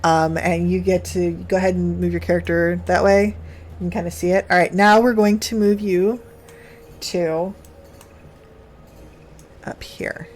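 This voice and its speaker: A woman's voice: on the low side, steady tone, unhurried, long pauses, a little mellow. Woman game master narrating loosely. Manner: rambling, with fillers and self-corrections.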